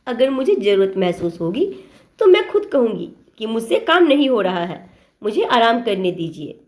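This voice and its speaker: Lady voicing a young bride arguing her point, clear and questioning, high voice. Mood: firm. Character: young, outspoken, reasoning daughter-in-law.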